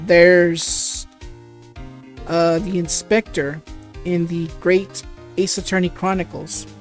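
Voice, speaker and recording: A woman hosting a let's play, giving stammering, hesitant gaming commentary. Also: on the low side.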